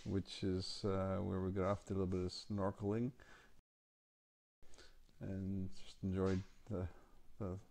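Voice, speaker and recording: A man giving a casual, halting voice-over for his holiday photos, with many ums and uhs. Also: low-pitched, monotone, gravelly, a little mellow. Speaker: travel vlog narrator.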